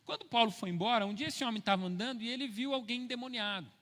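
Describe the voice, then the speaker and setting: A middle-aged Brazilian man preaching a sermon, telling stories with an ironic humor and moving from soft asides to loud, forceful preaching. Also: very high-pitched, rapid-fire. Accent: Brazilian Portuguese. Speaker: pastor. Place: church hall. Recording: long church hall reverb.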